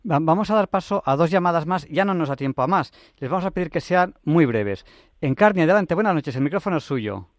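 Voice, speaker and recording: Brief: rushed call-in host, a touch high-pitched, dry studio sound. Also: male voice, animated, no room sound. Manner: hurried, stammering, pressed for time. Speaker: radio host. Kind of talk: live call-in radio hosting.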